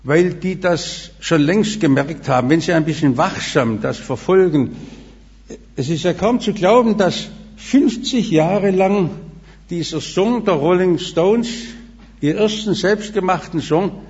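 Man, preacher, emphatic sermon, higher-pitched voice, dull echoing church hall recording. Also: measured pace, a little mellow. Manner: emphatic, varies volume and pace widely.

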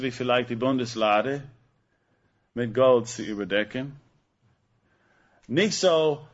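A man preaching a sermon, slow and emphatic, putting rhetorical questions to the congregation. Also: mid-range voice, lo-fi sound.

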